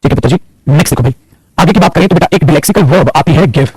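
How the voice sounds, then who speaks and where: Fast, husky male grammar teacher. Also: on the high side, a little mellow, no echo, soft background music, rough recording. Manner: addresses students as beta and putra ji, asks and answers his own questions; mixes Hindi explanation with English example sentences. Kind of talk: online grammar lesson.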